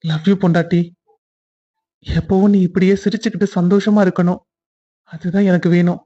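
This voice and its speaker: A performer voicing a young husband in a cartoon story, earnest and quick to scold. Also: medium pitch, fairly even intonation, dark tone, muffled recording, lightly acted. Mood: tender. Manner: stern then tender, scolding. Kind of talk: cartoon voice acting.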